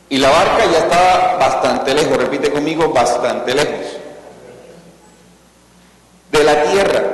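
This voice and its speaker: A fairly high-voiced man preaching from the pulpit. He calls on the congregation to repeat after him and climbs into loud, dramatic peaks as he reads scripture. The sound rings through a large, reverberant church hall. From Colombia. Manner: preaching with call-and-response prompts to the congregation; dramatic rises in pitch and volume on scripture lines. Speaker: pastor. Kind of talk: sermon.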